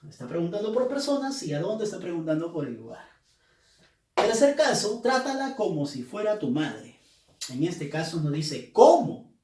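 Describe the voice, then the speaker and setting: A male teacher gives a slow, deliberate grammar lesson, his fairly high voice swinging up and down as he stresses key words. He keeps checking in with his students. The sound is roomy and the mic sits some distance away. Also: a little mellow. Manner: emphatic, drawn-out syllables on key words; checks in with rhetorical "¿ya?" and "¿no?".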